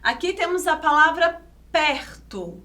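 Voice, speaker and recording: A woman teacher with a Brazilian Portuguese accent, giving a video lesson to children, sounding out syllables slowly and clearly and asking coaxing questions. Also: high-pitched, sing-song, pushed and bright. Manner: slow, over-enunciated syllables, coaxing questions.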